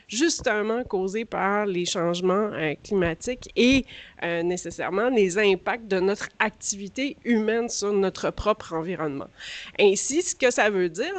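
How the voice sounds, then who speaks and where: A woman's voice: mid-range voice, no room sound. A woman with a Quebec French accent and a slightly grating, allergy-scratched voice, speaking as a guest at a conference. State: voice strained by allergies. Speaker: guest speaker, director of a workforce organisation. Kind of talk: conference talk.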